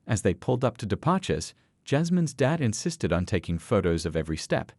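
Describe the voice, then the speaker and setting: A man narrating a scripted story in an expressive storytelling manner. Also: fairly low pitch, a little fast, dry recording.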